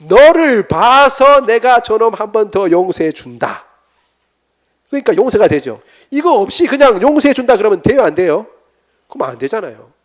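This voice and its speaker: A man teaches a church prayer seminar as a pastor, his voice sitting a little high. He keeps asking his listeners rhetorical questions and acts out quotes as he goes. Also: darkish tone.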